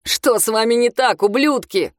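A woman voicing a drunk, crude, boastful high-school heartthrob boy in a storybook reading, loud and drawn-out. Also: no room sound, clean studio sound, close to an everyday voice.

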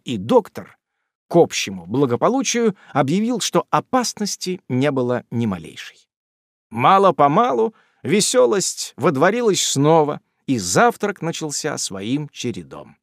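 Male audiobook narrator, expressive storyteller, dry close recording. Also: fairly high pitch, measured pace, no room sound. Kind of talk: audiobook reading of a classic novel.

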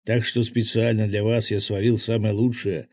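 A man's voice: lowish voice, level tone, moderate pace, a little mellow, no echo, clean studio sound. A man voicing a cheerful, chatty male fisherman.

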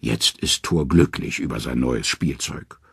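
A man narrating a myth audiobook in an expressive storytelling manner. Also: rumbling low, measured pace, creaky, slightly rough, no echo, clean studio sound.

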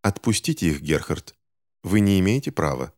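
A man's voice: sits low, very animated, moderate pace. A man voicing an offended, haughty woman who speaks coldly and clipped. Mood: coldly angry. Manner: cold, clipped.

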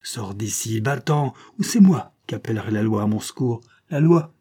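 A man voicing a defiant old male woodsman in an audiobook, speaking loudly and indignantly with a husky voice. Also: lowish voice, expressive, moderate pace. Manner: loud, indignant, rising to shouts.

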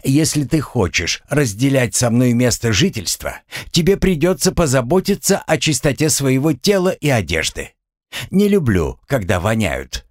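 A man's voice: medium pitch, very animated, normal speed, no room sound, studio quality, pitched above the performer's own voice. A man voicing a smug male guardian spirit who lectures others in a condescending way. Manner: condescending, preachy.

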